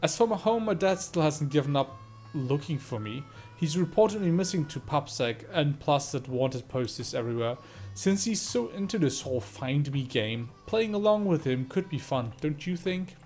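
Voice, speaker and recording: A man's voice: a little high, animated, moderate pace, a little mellow, faint music behind. A man voicing a playful, rebellious young woman in a game, teasing in tone. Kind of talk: reading game dialogue aloud.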